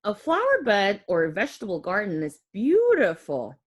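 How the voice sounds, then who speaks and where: A woman reads a picture book to small children at a normal speed, her medium-pitched voice slightly rough. Like a teacher, she brings the story alive with gasps and exclamations and offers simple explanatory asides.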